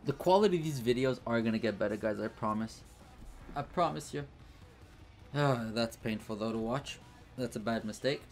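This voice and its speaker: Guy rambling through a hockey game run, mid-pitched voice, soft music in the back. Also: moderate pace. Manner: chatty, thinks aloud, frequent fillers and restarts. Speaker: gaming channel host. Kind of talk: casual gameplay commentary.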